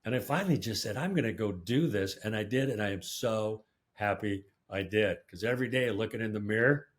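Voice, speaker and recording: A man's voice: on the low side, a little fast. Breezy, emphatic man co-host. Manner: breezy, emphatic, says "right?" often. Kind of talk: casual panel chat.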